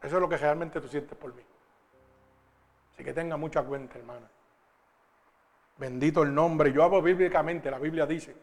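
A male preacher delivering a sermon, fervent and emphatic, swelling loud as he reads scripture. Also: fairly high pitch, steady tone, moderate pace, long pauses, soft background music.

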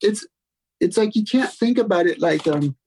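A man speaking as a podcast guest in casual, laid-back chat, halting and repeating his phrases. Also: sits high, lively intonation, darkish tone, a little hiss or hum.

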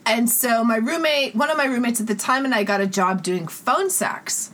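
A woman's voice: fairly high pitch, moderate pace, fairly bright tone. A woman co-hosting a podcast, telling a funny story in casual chat and laughing often. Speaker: podcast co-host.

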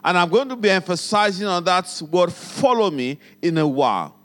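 High-voiced Nigerian pastor preaching. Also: male voice, big pitch swings, moderate pace, a bit bright. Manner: preaching with call-and-response prompts to the congregation; repeats phrases for emphasis. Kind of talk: sermon.

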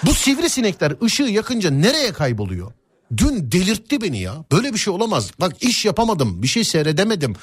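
A man hosting a casual talk show, telling stories and joking in an animated way. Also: sits high, fairly quick, background noise. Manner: animated, jokey storytelling. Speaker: host. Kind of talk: casual chat.

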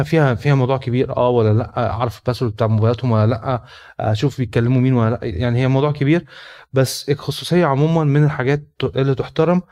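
A man's voice: medium pitch, dark tone. A man with an Egyptian Arabic accent talking spontaneously about faith and family, with many fillers and restarts. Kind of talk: casual spontaneous talk.

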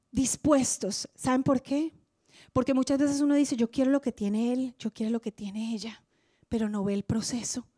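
High-voiced woman preaching with passion. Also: no room sound, studio quality. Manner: impassioned, swings from loud to hushed. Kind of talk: sermon.

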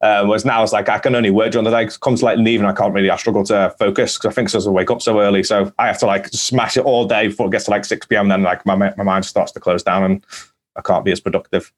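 A man's voice: lowish voice, steady tone, rapid-fire. A man, a music producer guest in a podcast, chatting casually and filling his talk with "like". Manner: chatty, full of "like" fillers. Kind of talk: casual conversation.

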